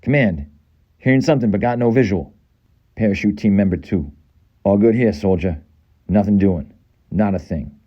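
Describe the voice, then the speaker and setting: A man's voice: fairly low pitch, moderate pace, pauses often, dull audio, lightly acted. A man with a Boston accent voicing a tough American soldier in a video game, giving clipped military radio callouts. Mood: clipped, steady. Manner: clipped, urgent military delivery.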